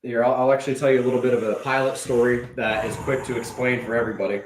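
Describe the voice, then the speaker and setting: A man's voice: mid-range voice, fast talker, slight background noise. A man co-hosting a podcast in casual chat, bantering and swearing freely. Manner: swearing, laughing, lively banter. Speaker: podcast co-host.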